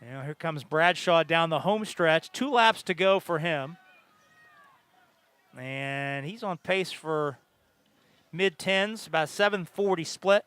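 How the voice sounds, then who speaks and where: Clear, dry-sounding male track commentator. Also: on the high side, a bit bright, no echo. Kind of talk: live sports commentary.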